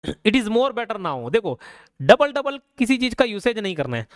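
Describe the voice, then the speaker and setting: A male teacher giving a casual, conversational grammar lesson. He keeps asking rhetorical questions and slows down to spell out each example. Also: high voice, very animated, no room sound, studio quality. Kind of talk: casual classroom explanation.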